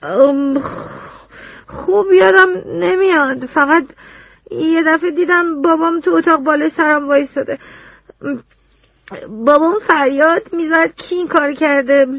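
An actress playing a frightened, rough young woman testifying in court, speaking haltingly and near tears. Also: high voice, fairly bright tone, no echo. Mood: tearful. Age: young adult. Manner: halting, tearful, sullen. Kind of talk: radio drama acting.

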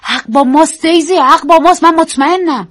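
A woman reading a story, voicing an earnest man in love who pleads quietly and tenderly. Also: fairly high pitch, expressive, slightly rough, voice pushed up. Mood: insistent.

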